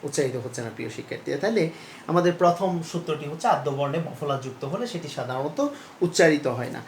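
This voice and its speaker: A male teacher giving a pronunciation lesson, speaking slowly and repeating each word while he asks his students questions. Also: a little high. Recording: echoey room with faint background noise.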